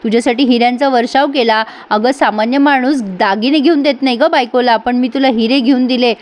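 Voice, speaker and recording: A woman's voice: fairly high pitch, brisk, natural voice. A woman voicing a scheming man who talks his way out of trouble in a wheedling, self-justifying tone, as she retells a TV serial episode. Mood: reproachful. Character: scheming smooth-talking husband pleading innocence.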